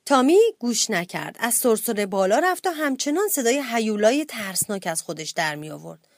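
A woman reading a children's bedtime story aloud with expressive delivery. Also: no echo, clean studio sound. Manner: expressive reading, lifts pitch for children's shouts.

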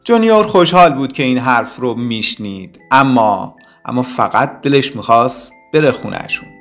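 A man reading a children's story aloud in an expressive way with dramatic pauses. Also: medium pitch, faint music behind.

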